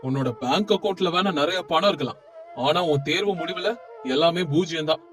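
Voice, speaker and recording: A man's voice: fairly high pitch, brisk, a bit bright, soft background music, natural voice. A man voicing a stern, scolding middle-aged college principal in a cartoon story.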